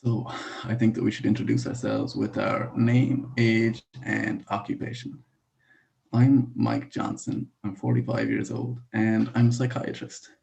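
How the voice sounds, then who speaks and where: A man playing a gravelly middle-aged psychiatrist. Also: fairly low pitch. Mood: calm. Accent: Irish. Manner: calm, measured host of the session. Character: middle-aged male psychiatrist leading group therapy. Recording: gravelly voice over dull video-call audio.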